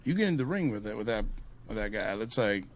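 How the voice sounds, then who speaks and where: A man's voice: fairly low pitch, big pitch swings, quick pace. A man co-hosting a podcast in casual chat, joking animatedly and slipping into Spanish. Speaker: podcast co-host.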